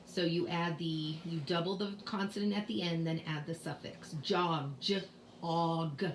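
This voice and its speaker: Woman, lowish voice, unhurried spelling teacher talking to parents, echoey room. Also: steady tone, a little hiss or hum. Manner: slow, patient, with many fillers. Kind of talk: casual home lesson. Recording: roomy echo, faint ambience.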